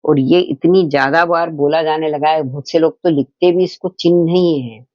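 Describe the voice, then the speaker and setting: A man's voice: on the high side, steady tone, moderate pace, no echo, dull audio. Patient man teaching a grammar lesson. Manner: patient, explains step by step with rhetorical questions. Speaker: Hindi teacher.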